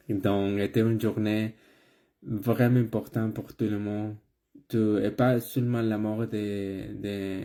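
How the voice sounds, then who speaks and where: Man, non-native French, foreign accent, very mellow dark tone, slow pace, halting delivery, informal religious message. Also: on the low side. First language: not French. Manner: halting, repeats words while searching for them.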